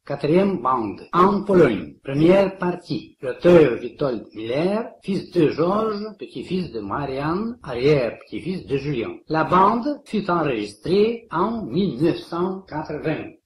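A man's voice played back from an old worn tape, announcing titles in a measured, formal way. His voice sits fairly high and moves a lot in pitch. The tape sounds roomy and echoey, with faint hiss and clicks behind it. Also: sing-song. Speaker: author introducing his memoir tapes.

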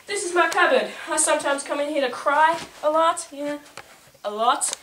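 A young woman giving a comedic mock tour of a house, boasting deadpan with sudden yelps, filmed indoors on a home camera from a distance. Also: high voice, normal speed. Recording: echoey room, distant mic, noisy home video.

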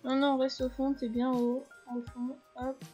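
A woman's voice: sits high, little pitch movement, unhurried, warm tone. Chatty woman explaining a game. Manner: chatty, explains controls to viewers, frequent fillers. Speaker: gaming video host. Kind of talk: casual gameplay commentary. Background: faint game music.

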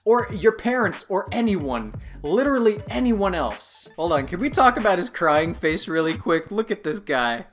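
Mocking, lively woman commentator. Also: fairly low pitch, moderate pace, hardly any pauses, soft background music. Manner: mocking, exasperated. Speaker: commentary youtuber host. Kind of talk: sarcastic commentary.

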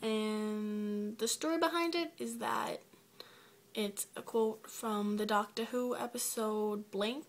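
Slow-talking teenage girl. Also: fairly high pitch. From United States. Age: teens. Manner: unhurried, reads words one by one. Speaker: video blogger. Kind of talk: casual word-list reading.

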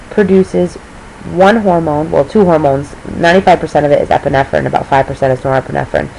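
Low-voiced woman teacher, losing her voice. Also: creaky, warm tone, slight background noise, poor audio. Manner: explanatory, checks in with "okay?". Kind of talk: recorded lecture review.

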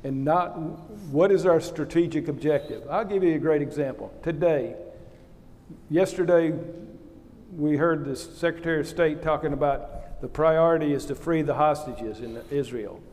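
On an auditorium stage, an older man, a retired naval officer appearing as a panel guest, gives a candid answer in a blunt, opinionated and plain-spoken way, sounding like a seasoned officer who says what he thinks. His voice is a bit high for a man and a little mellow, at a moderate pace. A long hall reverb surrounds his words.

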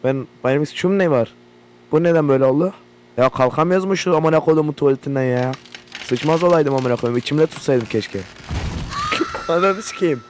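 A man's voice: a little high, wildly swooping pitch, brisk. Swearing man playing a horror game. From Turkey. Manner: profane, loud, jumpy reactions. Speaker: gaming YouTuber. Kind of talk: horror game let's play commentary. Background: generator hum from the game.

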